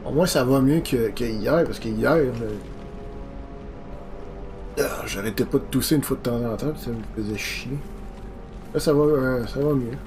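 A man's voice: medium pitch, moderate pace, pauses often. A man with a Quebec French accent giving casual, rambling, informal commentary as he streams a game. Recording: game music behind the voice. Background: video game music.

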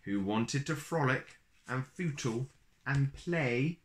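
A man in his thirties, mid-range in voice, reads a picture book aloud to young children in a small, plain indoor room, telling the story expressively and deliberately.

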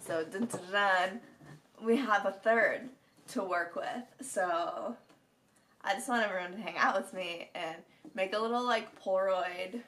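A woman's voice: medium pitch, fairly bright tone. A young woman from Minnesota vlogging at home, chatting casually and giggling, with a froggy morning voice. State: morning voice, just woke. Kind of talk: casual chat to camera. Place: at home, indoors. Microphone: camera on a stand.

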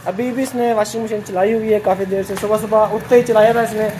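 A man's voice: sits high, fairly even intonation, background noise. A man vlogging casually, chatty as he explains building work around his house step by step. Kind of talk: casual home vlog chat.

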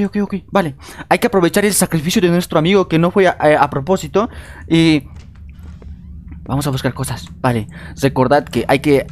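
A man's voice: a little high, a little hiss or hum. Jumpy young-sounding male gaming streamer. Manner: jumpy, screams and swears when scared; talks to his viewers and teammates. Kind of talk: live let's-play commentary.

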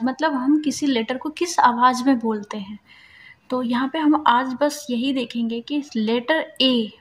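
A woman teaching English phonics in Hindi mixed with English, sounding out each vowel slowly and clearly. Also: high-pitched. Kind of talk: explaining phonics in a casual lesson.

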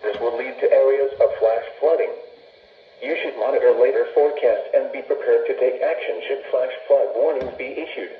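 A man's voice reading a weather broadcast in a measured, even way, heard through a tinny AM radio receiver. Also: medium pitch. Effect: tinny AM radio receiver sound. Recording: tinny radio speaker in an echoey room, from far off.

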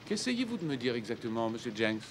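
An actor playing a composed, resolute gentleman traveller in his thirties, polite and clipped, in a French film dub. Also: mid-range voice, big pitch swings, a little fast, noisy background. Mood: firm. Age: 30s.

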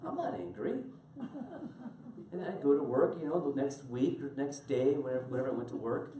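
A male pastor preaching a sermon to his congregation, animated and laughing as he tells stories and calls on people by name. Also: medium pitch, quick pace, slight background noise. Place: church sanctuary. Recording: echoey room from far off.

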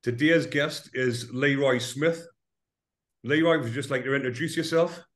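Male podcast host, mid pitch, relaxed, short questions, casual interview. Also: normal speed. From England. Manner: relaxed, asks short questions, laughs along.

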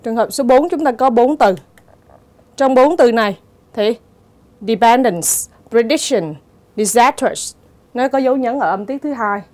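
A woman's voice: high voice, moderate pace, darkish tone. A woman teacher going through English exam answers step by step, in a methodical way. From Vietnam. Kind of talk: exam answer walkthrough lesson.

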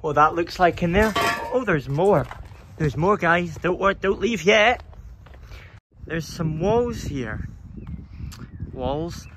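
A man's voice: fairly high pitch, lively intonation, takes it slowly, long pauses, noisy background. Jumpy young man exploring ruins. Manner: jumpy, muttering to himself, easily spooked. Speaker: urban explorer vlogger. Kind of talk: nervous walking commentary. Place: outdoors and in a derelict building.

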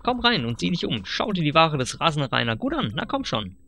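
A man voicing a sly, pushy fox furniture dealer who flatters with smooth sales patter. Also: on the high side, fairly quick, pitched above the performer's own voice, full character voice. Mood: wheedling.

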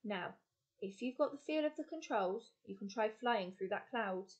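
A woman reading aloud voices a gruff, brusque adult male explorer who gives clipped commands as if over engine noise. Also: on the high side, lively intonation, moderate pace, highs cut off. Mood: commanding.

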